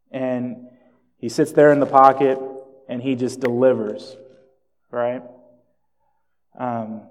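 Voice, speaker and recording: Here a pastor's mid-range, darkish voice echoes through a long hall reverb. He was born in Jamaica, grew up in South Florida, and mixes storytelling and self-deprecating remarks into his sermon.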